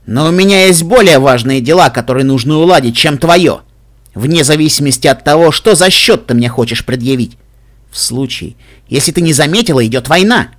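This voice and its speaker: A man's voice: on the high side, big pitch swings, fairly quick, few pauses, fairly bright tone, breathy edge, full character voice. A man voicing a haughty female griffin commander who speaks sharply and dismissively.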